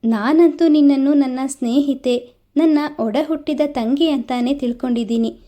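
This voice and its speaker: A woman's voice: sits high, moderate pace, dark tone, lightly acted. A woman voicing a kind, caring village woman who talks earnestly like an elder sister in a storybook reading. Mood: reproachful.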